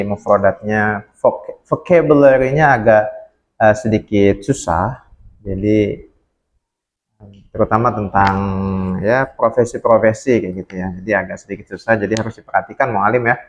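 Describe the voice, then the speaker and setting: A man teaching a vocabulary lesson, quickly explaining words and then stretching them out slowly for students to repeat. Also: lowish voice, dull audio. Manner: slow, drawn-out model pronunciation between quick explanations. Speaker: English teacher.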